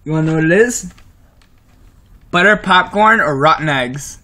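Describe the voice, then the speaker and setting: A man's voice: fairly high pitch, animated, moderate pace, bright, forceful tone. A teenage boy chatting casually and bossily laying down the rules on a homemade challenge video. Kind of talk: casual chat during a candy challenge video. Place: wooden-floored room at home, indoors. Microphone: handheld phone or camera. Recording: noisy handheld home phone recording with clicks.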